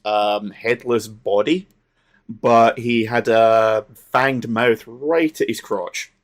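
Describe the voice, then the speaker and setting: A man co-hosting a casual film discussion podcast, pausing often with "um" and "uh" and laughing often. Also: lowish voice, steady tone. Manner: halting, with frequent "um" and "uh". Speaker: podcast co-host.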